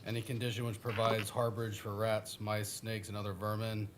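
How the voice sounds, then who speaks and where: A man's voice: on the low side, little pitch movement, fairly quick, noisy background. An American man testifying formally as a code enforcement officer. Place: public hearing room.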